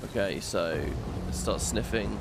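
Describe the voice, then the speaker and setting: A man's voice: lowish voice, unhurried, very noisy. A man giving casual, opinionated gameplay commentary as a streamer, swearing freely. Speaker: game streamer. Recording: game music behind the voice. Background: game music.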